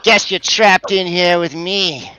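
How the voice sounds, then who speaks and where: A man's voice: sits high, steady tone, takes it slowly, pushed and bright, clean tone, no room sound, pitched above the performer's own voice, heavily acted. A man voicing a menacing, taunting woman who lurks in the shadows in a tabletop game.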